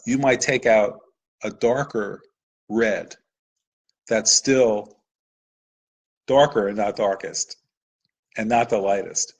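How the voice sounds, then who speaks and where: A man's voice: lowish voice, creaky, darkish tone, breathy edge, low-quality recording. A man presenting a live webinar lesson over slides, explaining patiently with occasional "uh"s.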